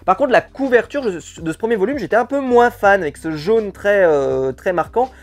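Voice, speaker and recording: A man's voice: high voice, lively intonation, normal speed. A man hosting his channel, talking casually and at length about comic books, with many fillers and asides. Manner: chatty, many fillers and asides, upbeat bursts. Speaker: comics reviewer. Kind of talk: casual review talk.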